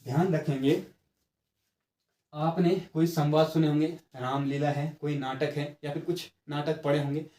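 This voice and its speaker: Recorded in an echoey room, this teacher takes students through exam grammar step by step, elongating sounds to show them and checking that everyone follows. His voice is on the high side, mellow and steady, at a moderate pace.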